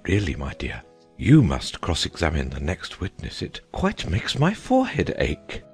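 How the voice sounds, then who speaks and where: A man voicing a pompous, fretful old king who speaks slowly and gravely. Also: sits low, wildly swooping pitch, soft background music, voice pushed down, full character voice. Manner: slow, grave pronouncements.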